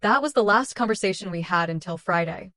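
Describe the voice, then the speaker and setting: A woman giving scripted first-person narration of a story in an even, measured way. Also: medium pitch, dry recording, clean studio sound.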